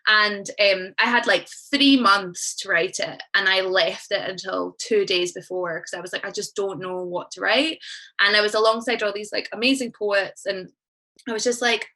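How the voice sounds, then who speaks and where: Bright-voiced Scottish woman poet. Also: mid-range voice, fairly even intonation, moderate pace, poor audio. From Scotland. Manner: chatty, sweary and self-deprecating between poems. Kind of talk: spoken word poetry and storytelling at a live event. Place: live stage event.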